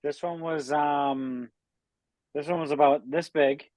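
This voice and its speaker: Earnest, fairly high-voiced podcast co-host. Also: male voice, fairly even intonation, slow pace, darkish tone, dry recording, rough recording. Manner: earnest, insistent, with hesitations. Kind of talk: casual chat.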